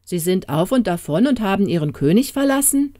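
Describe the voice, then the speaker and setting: A woman's voice: on the low side, very animated, normal speed, warm tone, no room sound. A woman playing a boastful stubborn old king, haughty and scolding, storybook audiobook, dry close voice.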